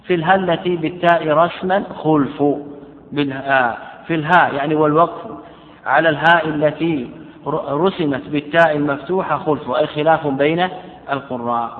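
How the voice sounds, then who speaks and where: A man's voice: on the high side, narrow, tinny audio. Man lecturing in an echoey hall. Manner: repeats phrases, restarts and self-corrects while explaining; recites quoted verses slowly and carefully. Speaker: Islamic scholar teaching Quran readings. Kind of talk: classroom lecture explaining a text.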